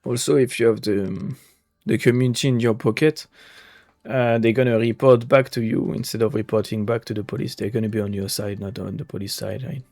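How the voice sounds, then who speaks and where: A man's voice: fairly low pitch, fairly even intonation, fairly quick, a little mellow, no room sound. A man giving casual commentary as he plays a video game. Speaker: game streamer.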